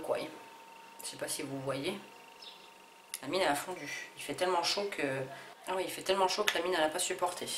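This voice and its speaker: Low-voiced woman, hesitant haul vlog. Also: fairly bright tone, slight background noise. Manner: hesitant, many fillers and restarts. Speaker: beauty vlogger. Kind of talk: casual haul video. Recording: echoey room with faint ambience.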